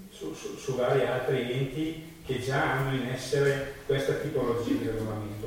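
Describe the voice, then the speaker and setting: A man chairing a public meeting as mayor, speaking formally and bureaucratically with hesitant pauses. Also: mid-range voice, a little mellow. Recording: very echoey hall, distant mic, faint noise.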